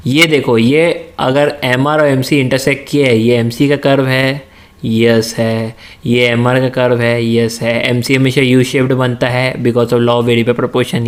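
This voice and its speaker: A male teacher giving a lecture, asking his students questions and answering them himself, mixing English terms into his speech. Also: medium pitch. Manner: slips into Hindi-English mix. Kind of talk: classroom lecture.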